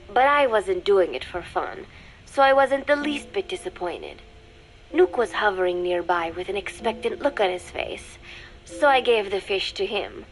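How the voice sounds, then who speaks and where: A woman voicing a young female spy who poses as a sweet teenage student, narrating a diary in a cool, measured, quietly sardonic way. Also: mid-range voice, slight background noise, rough recording.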